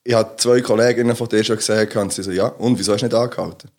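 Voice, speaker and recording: A man's voice: fairly low pitch, steady tone, rapid-fire, darkish tone. A man with a Swiss German accent, chatting casually as a podcast co-host and rambling through stories with many fillers. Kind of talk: casual chat.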